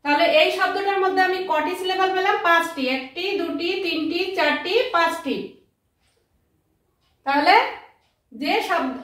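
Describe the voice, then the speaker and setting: A woman teaching a grammar lesson, speaking slowly and spelling out words letter by letter. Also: very high voice, a bit bright. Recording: very echoey room, mic far off.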